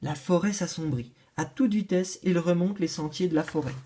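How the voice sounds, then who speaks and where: A woman's voice: lowish voice, fairly quick, warm tone, husky. Woman reading a children's story aloud.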